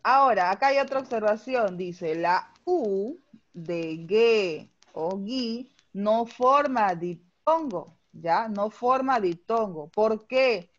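A woman's voice: mid-range voice, animated, slow, dull audio. A woman teacher with a Peruvian Spanish accent, explaining a grammar lesson patiently in an online class and checking understanding with frequent tag questions.

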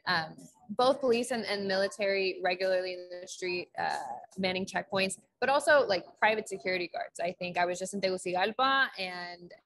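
A woman's voice: mid-range voice, fairly quick, few pauses, a bit bright. A young woman on a video call using an earbud headset, speaking casually and often saying "like.". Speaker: panelist.

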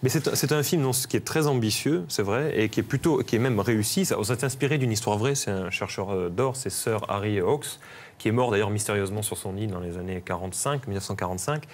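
A man reviews a film in a TV studio, speaking keenly and recommending it. His voice sits on the low side of ordinary. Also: fast. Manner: enthusiastic, recommending. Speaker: film columnist.

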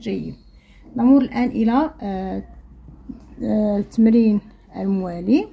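A woman's voice: medium pitch, creaky, breathy edge, lo-fi sound. A woman teacher with a Moroccan accent dictating an Arabic reading lesson to young children, drawing words out syllable by syllable. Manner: drawn-out syllable-by-syllable reading, then quick asides. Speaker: primary school Arabic teacher.

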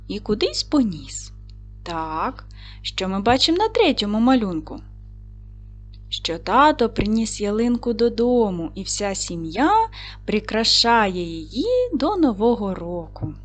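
A woman teaching a recorded primary school lesson, patiently asking questions and slowly spelling out sounds and syllables. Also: medium pitch, sing-song. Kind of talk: recorded video lesson for children.

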